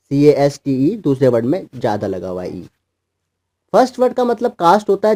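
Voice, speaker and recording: A man's voice: a little high, mellow. A man teaching children English words, patiently spelling them out letter by letter in Hindi. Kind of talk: explaining word meanings to children.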